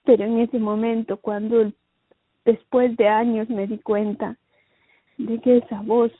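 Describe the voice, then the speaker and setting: A woman giving an emotional religious testimony, speaking slowly and haltingly and often repeating her phrases. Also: a little high, level tone, husky, no room sound. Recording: dry, tinny phone-like line.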